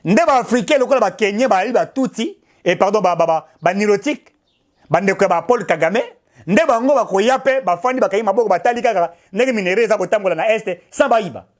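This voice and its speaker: Addressing viewers directly with passion, this middle-aged political commentator from DR Congo carries a Congolese French accent. He has a high voice and a brisk delivery, and he sounds emphatic and insistent.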